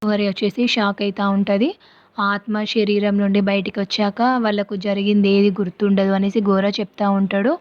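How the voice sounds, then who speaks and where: A woman's voice: medium pitch, completely flat delivery, fairly quick, no room sound. A woman casually retelling a TV serial episode, quoting the characters' lines as she goes. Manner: retells scenes and quotes lines, often tagging them with a filler phrase. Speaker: serial recap narrator. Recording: dull, dry recording.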